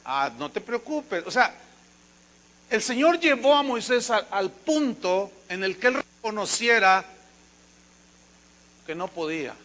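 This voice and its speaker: A male pastor with a Mexican accent preaching a sermon, telling stories in a lively way and acting out voices. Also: sits high, slow pace, pauses often, rough recording.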